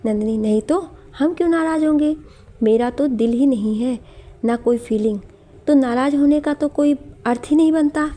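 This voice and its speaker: A woman's voice: sits high, normal speed, warm tone. A woman voicing a hurt, withdrawn young bride who speaks in a subdued, restrained way.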